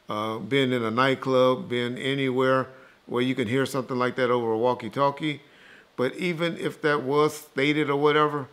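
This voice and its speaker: The speaker is a man with a medium-pitched, slightly bright voice, a guest in an interview who is rebutting rumors. He talks in a casual, dismissive, emphatic way, cursing freely and repeating points to hammer them in.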